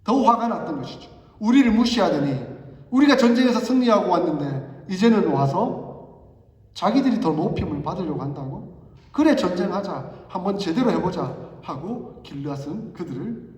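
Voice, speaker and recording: Pastor, male, high voice, storytelling sermon, heard from afar in a reverberant sanctuary. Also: darkish tone. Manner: storytelling, playful with dialect examples, talks to congregation. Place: church sanctuary. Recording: echoey hall, voice from far off. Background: long hall reverb.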